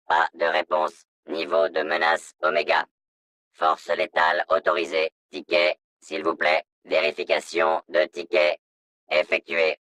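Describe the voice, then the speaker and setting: An actor voicing a stern male security robot in a video game, through a robotic voice filter, in a flat, monotone, announcement-like delivery. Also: sits low, no echo, exaggerated voice. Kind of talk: video game dub dialogue lines.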